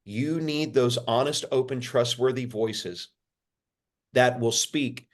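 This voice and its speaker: Man answering in a preacherly cadence. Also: takes it slowly. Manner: preacherly, repeats phrases, rises in pitch for emphasis. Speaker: pastor, podcast guest. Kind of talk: sermon-like interview answers.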